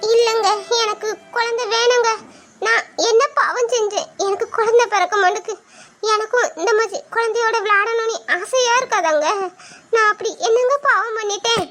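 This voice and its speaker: A woman acting out a young wife in a family drama skit, pleading with her husband in a tearful voice. Her voice sits extremely high, thin and piping. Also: steady tone, normal speed, a bit bright, soft background music.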